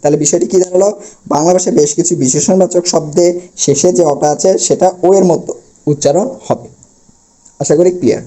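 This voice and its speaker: Bangladeshi guy teaching grammar, quizzes then answers himself, high-ish warm voice. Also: fairly even intonation, fairly quick. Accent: Bangladeshi Bengali. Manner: asks questions and answers them himself. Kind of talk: blackboard grammar lesson. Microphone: camera he adjusts himself.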